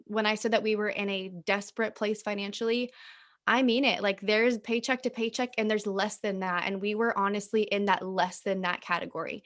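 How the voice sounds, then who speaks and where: A woman giving an upbeat, chatty recruiting pitch as a network marketing presenter, smiling as she talks. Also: fairly bright tone. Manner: upbeat, smiling while talking; chatty, uses filler "like" and "um".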